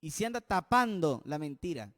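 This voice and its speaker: A pastor preaching an emphatic sermon, often putting questions to the congregation. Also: male voice, a little high, sing-song, normal speed, pushed and bright. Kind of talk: expository sermon. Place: church. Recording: long church-hall reverb.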